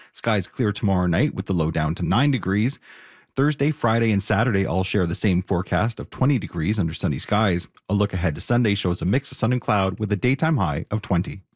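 A man reads a weather forecast from a script in a deep voice. The recording is close and dry, without any room sound. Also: fairly quick, a little mellow, no echo.

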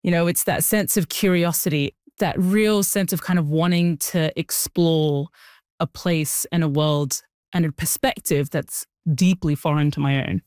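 A young woman, telling her story as an interview guest, animated and full of fillers. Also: sits low, a little slow, dry recording, clean studio sound. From Sudan. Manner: animated, with frequent "like" and "you know" fillers. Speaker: guest, engineer and writer. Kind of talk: interview conversation.

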